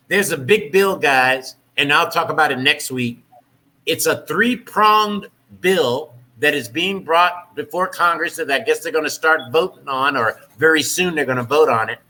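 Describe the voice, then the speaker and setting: A man hosting a podcast discussion, measured as he steers the talk. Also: fairly high pitch, pushed and bright, rough recording. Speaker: host.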